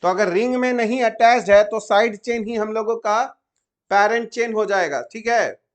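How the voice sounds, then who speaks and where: A man with a high-pitched voice teaches chemistry step by step. He slows down to spell out each name part and keeps checking in with his students. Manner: asks students frequent check questions.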